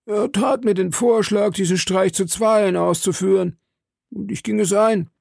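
A man's voice: sits high, unhurried, creaky, darkish tone, dry recording, clean studio sound, voice pushed up, heavily acted. Man voicing a wounded, pleading assassin soldier. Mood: fearful. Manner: pleading, stammering. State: weak from blood loss. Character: wounded frightened male soldier, a hired assassin. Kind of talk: audiobook character reading.

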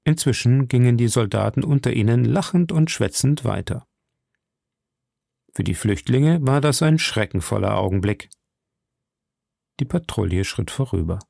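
A man reading a classic adventure novel aloud in slow, measured scripted narration. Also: medium pitch, expressive, vocal fry, darkish tone, no room sound, clean studio sound. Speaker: audiobook narrator.

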